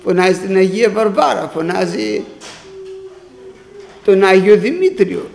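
A man's voice: sits high, creaky, darkish tone. A man preaching a sermon to his congregation, emphatic and repeating his phrases, quoting scripture as he goes. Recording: roomy echo.

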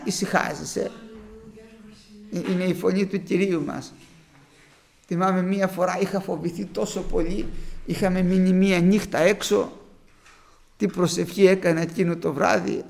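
A man's voice: high-pitched, vocal fry, pauses often, a little mellow. A man preaching a testimony sermon to his congregation, telling a childhood story with fervent, rising emphasis.

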